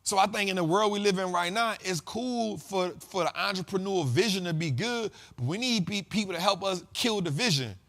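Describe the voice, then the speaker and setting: A man hosting a finance talk show delivers a casual motivational monologue in loose, slangy language, stacking repeated lines like a preacher. His voice is a bit higher and brighter than most men's, and he talks a little fast with few pauses.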